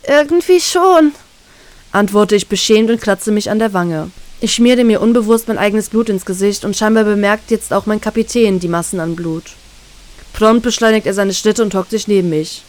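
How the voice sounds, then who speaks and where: A woman narrating a first-person fan-fiction story in a calm, even storytelling way. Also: medium pitch, moderate pace. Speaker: reader, narrator.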